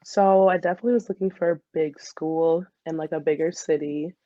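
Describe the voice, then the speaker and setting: A woman in her twenties with an American accent, a dental student and soccer player, tells stories as a podcast guest, chatty and giggly, saying "like" a lot. Her deep, mellow voice moves fairly quickly with fairly even intonation. The lo-fi recording has no room sound.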